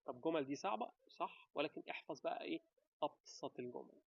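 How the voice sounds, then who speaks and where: An Egyptian man with an Egyptian Arabic accent gives casual advice to camera, animated and talking straight to the viewer with quick rhetorical questions. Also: a little high, gravelly, husky, no room sound, highs cut off. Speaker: vlogger giving advice.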